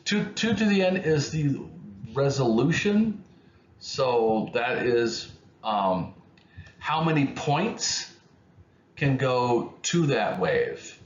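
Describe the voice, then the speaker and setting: A man explaining electronics concepts in an unscripted lesson, speaking haltingly with many restarts and fillers. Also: mid-range voice, sing-song. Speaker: electronics educator. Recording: muffled, roomy, faint noise.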